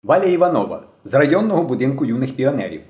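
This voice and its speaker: A man voicing a stern but cheerful seventeen-year-old girl who leads young pioneers, in a brisk, commanding way. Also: medium pitch, big pitch swings, a little mellow, pitched above the performer's own voice, close to an everyday voice. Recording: roomy echo.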